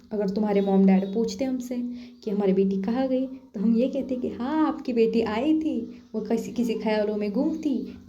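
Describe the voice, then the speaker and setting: A woman voicing a strict but caring young college woman who lectures fast and scolds. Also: high-pitched, dark tone. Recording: echoey room, dull lo-fi.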